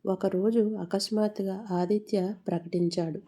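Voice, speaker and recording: A woman narrating a moral story in a measured storytelling manner, with the odd small slip. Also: medium pitch, fairly even intonation, mellow.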